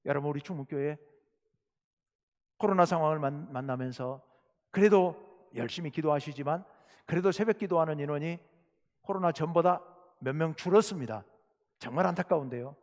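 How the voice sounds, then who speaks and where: A man's voice: a little high, moderate pace, pauses often. A male pastor preaching a Sunday sermon who asks the congregation questions and urges them on. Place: church sanctuary. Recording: long church reverb.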